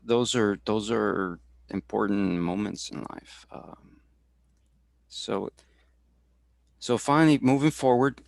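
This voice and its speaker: Slow, gravelly-voiced man telling his story. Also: lowish voice, dry recording, clean studio sound. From Texas. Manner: halting, many fillers and restarts. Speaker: guest speaker. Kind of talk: casual career talk.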